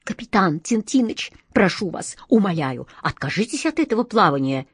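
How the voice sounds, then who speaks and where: A woman's voice: mid-range voice, big pitch swings, normal speed, breathy edge, no echo, studio quality. Woman doing a fearful pleading sea captain. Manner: pleading and anxious. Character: fearful, superstitious kind sea captain man.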